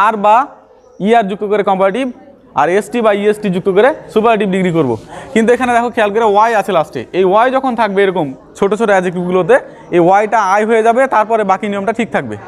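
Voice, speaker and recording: High-voiced man teaching grammar. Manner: explains step by step, repeats key terms and quizzes the viewer. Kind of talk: classroom-style grammar lesson.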